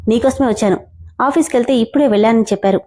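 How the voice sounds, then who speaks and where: A woman's voice: on the high side, very fast, mellow, natural voice. A woman narrator voicing a caring young man who asks concerned questions.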